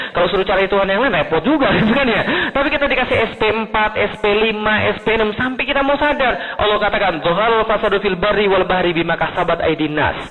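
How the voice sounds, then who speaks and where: A man from Indonesia preaches with a high, quick voice, telling stories and acting out the people in them. He keeps turning to the audience with questions. The recording sounds thin and phone-like, with a long echo from a large hall. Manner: animated storytelling with quoted voices, asks the audience questions. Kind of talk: lively sermon to an audience.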